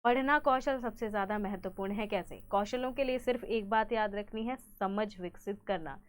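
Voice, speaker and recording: A woman teacher, brisk in manner, reading out exam questions and their options, then explaining the answers in an online exam-prep lesson. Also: medium pitch.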